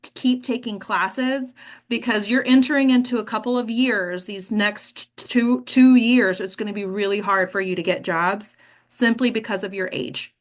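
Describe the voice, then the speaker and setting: An American woman hosts an online discussion as an acting coach, giving casual, direct advice. She is emphatic and keeps checking in with the listener using "right?" and "okay." Her voice is mid-range and moves at normal speed.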